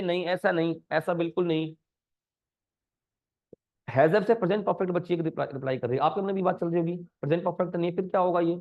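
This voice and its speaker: एक पुरुष शिक्षक ऑनलाइन व्याकरण कक्षा पढ़ा रहे हैं, बीच बीच में अंग्रेज़ी शब्द बोलते हुए और छात्रों से बार बार सवाल पूछते हुए।. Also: male voice, high voice. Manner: coaxing students with repeated questions; mixes Hindi with English terms. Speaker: grammar teacher. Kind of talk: live online grammar lesson. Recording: dull lo-fi sound.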